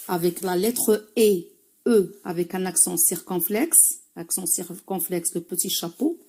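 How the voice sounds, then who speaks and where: A woman teacher with a Moroccan accent giving a French reading lesson, spelling out sounds slowly and carefully, syllable by syllable. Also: lowish voice, mellow, slightly rough. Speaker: primary school teacher.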